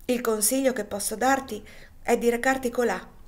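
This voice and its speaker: A rough, kindhearted farmer who reassures a runaway in plain, steady words, as a woman reading a novel puts him on. Storybook narration, close to the reader's own voice. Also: on the high side, normal speed, natural voice. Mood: kind reassuring. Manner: rough but kind, reassuring. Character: gruff kindly farmer, middle-aged man.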